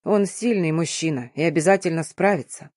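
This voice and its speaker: A woman voicing a tired, gentle middle-aged father who is tender but firm with his daughter, in a low, soft, slow voice. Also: no echo, clean studio sound. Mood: weary tender.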